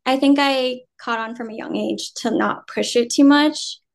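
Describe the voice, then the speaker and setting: A guest actor, a woman in her thirties from New Jersey, chats loosely in an interview with a fairly high, gravelly voice at a slightly slow pace. Vietnamese was her first language, but she now has an American accent. She's relaxed and rambling, full of "um" and "like," and laughs easily.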